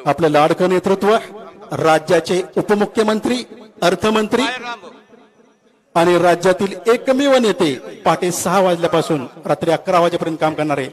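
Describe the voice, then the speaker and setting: A man acting as stage emcee, giving an ornate, poetic introduction of the main speaker in a measured, building delivery. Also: high voice.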